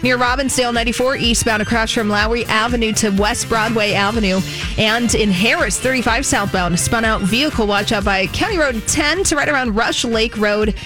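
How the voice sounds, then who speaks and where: A woman's voice: on the high side, a little fast. An American woman reading a radio traffic and weather report as the station's reporter. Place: radio studio. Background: music bed.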